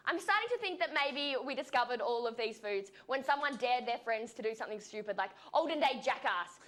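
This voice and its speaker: A woman delivering a wry, animated comic monologue to a studio audience. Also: a little high, a little fast. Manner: animated, wry, breaks into laughs. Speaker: comedy segment presenter. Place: television studio with live audience. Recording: live studio with audible audience.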